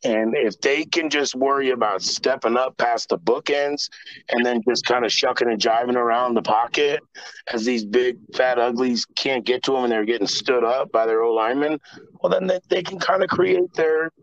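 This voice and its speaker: A man's voice: mid-range voice, moderate pace, no room sound. Blunt rambling man on a lo-fi podcast. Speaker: podcast co-host. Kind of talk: casual sports podcast chat.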